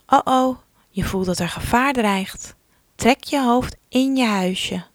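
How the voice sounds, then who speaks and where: A woman leading a guided relaxation exercise for children, giving slow, soothing instructions that often drop to a soft whisper. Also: medium pitch, no room sound.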